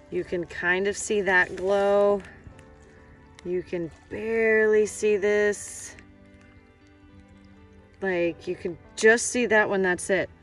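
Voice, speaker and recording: Her voice is fairly low in pitch and a bit bright. She's a woman in her thirties hosting a casual outdoor rock-hunting vlog on a rocky shore, informal and enthusiastic with plenty of exclamations, recorded handheld.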